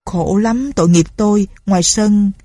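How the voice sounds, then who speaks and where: A woman's voice: mid-range voice, normal speed, warm tone, no echo, studio quality, natural voice. A woman voicing a timid, frightened old male servant who frets and pleads. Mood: fearful. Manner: pleading, fretful.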